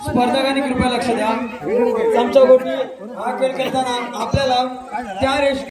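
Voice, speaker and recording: A very high-pitched man calls out to contestants over an outdoor loudspeaker, formal and polite. His voice booms with heavy echo from far off, and a crowd chatters around him. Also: level tone, moderate pace. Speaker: event announcer. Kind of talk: public announcements at a village children's race. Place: outdoors at a crowded village festival.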